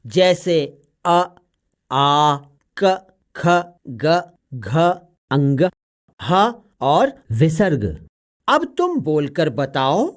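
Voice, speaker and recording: A woman voicing a patient old male parrot who teaches pronunciation slowly and carefully in a cartoon story. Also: low-pitched, exaggerated voice. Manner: slow, careful, spelling out each sound.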